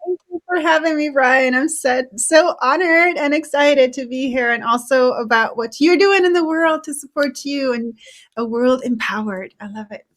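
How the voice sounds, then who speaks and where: Woman guest, bubbly, with a fairly high voice, lots of little laughs and ums. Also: moderate pace. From Switzerland. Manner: bubbly, laughs often, uses many fillers. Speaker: author and guest. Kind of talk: casual live interview.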